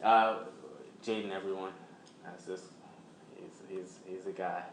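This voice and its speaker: A young man hosting a casual podcast chat, joking and teasing his friends, with sudden loud bursts of mock outrage. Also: sits low, flat delivery, unhurried, a little hiss or hum. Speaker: podcast host. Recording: roomy room echo.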